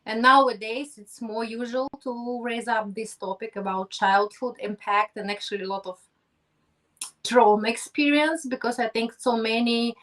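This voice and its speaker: In a conversational interview, a guest from Ukraine, a woman, sounds effusive and grateful and speaks with phrasing. The mic sits at a distance from her mid-range, fairly bright voice.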